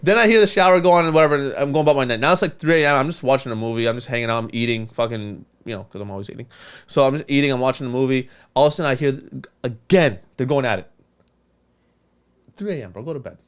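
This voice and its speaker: A man telling a story in casual podcast chat, animated and profane, acting out the voices of the people in it. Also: mid-range voice, fast talker, clean tone. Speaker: podcast co-host.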